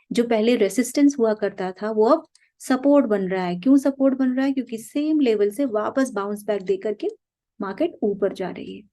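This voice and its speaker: A woman's voice: on the high side, dark tone. A woman teaching stock trading, explaining points over a chart in a patient way, often saying "okay" and asking questions herself before she answers them.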